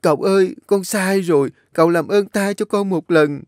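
A man's voice: high-pitched, moderate pace, a little mellow, no echo, studio quality, pitched above the performer's own voice, natural voice. A man voicing a terrified young servant girl who stammers and begs. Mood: pleading. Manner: stammering, begging.

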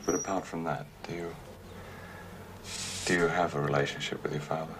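A man's voice: a bass voice, fairly even intonation, a little fast, background noise. A male interviewer asking probing questions in a documentary and rephrasing them as he goes.

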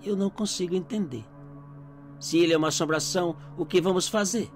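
A man's voice: sits high, normal speed, a little mellow, faint music behind, voice pushed up, natural voice. A man voicing his terrified young male friend, who asks frantic, pleading questions. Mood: scared.

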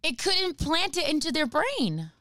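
A woman in her thirties hosting a podcast, chatting in an animated, quick-tongued way on a close mic. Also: high-pitched, dry recording. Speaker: podcast host. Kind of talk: casual banter.

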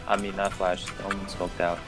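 Lowish-voiced young man gaming. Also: level tone, normal speed, over music. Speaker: player in an online team shooter game. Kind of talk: casual gaming voice chat with friends.

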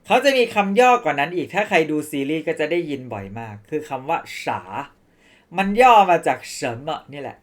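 A woman teaching a Chinese language lesson, saying phrases slowly and then fast, and pitching her voice up to model questions. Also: big pitch swings.

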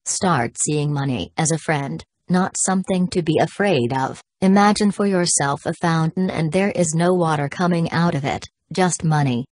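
A woman reading a scripted spiritual talk and guided meditation in a measured, instructional way. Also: low voice, darkish tone, no echo.

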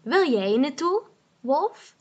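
A woman voicing an eager little boy in a children's storybook, speaking in a bouncy, excited way. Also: high voice, slow pace, highs cut off, voice pushed up, heavily acted. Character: excited little boy who loves football.

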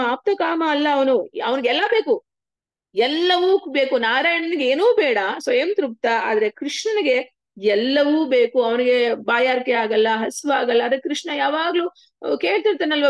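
Expressive high-voiced woman telling devotional stories. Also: no room sound. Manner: expressive, mixes in English words, chants verses slowly. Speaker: devotional speaker. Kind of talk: devotional storytelling talk. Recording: dull, lo-fi dry recording.

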